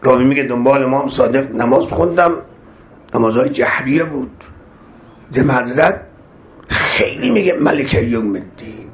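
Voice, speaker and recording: A man preaching a sermon, repeating phrases with rising emphasis and chanting Arabic verses. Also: mid-range voice.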